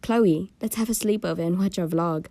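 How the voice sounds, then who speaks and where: A woman voicing an eager teenage girl inviting a friend over, a little brighter than her narration. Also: on the low side, moderate pace, dry recording, lightly acted.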